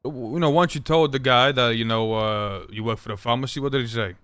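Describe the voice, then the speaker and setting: A man's voice: medium pitch, brisk, a bit bright, clean tone, no room sound, clean studio sound. A man in an improvised crime game role-play, questioning in a confrontational, pressing way. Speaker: role-player as a gang business partner.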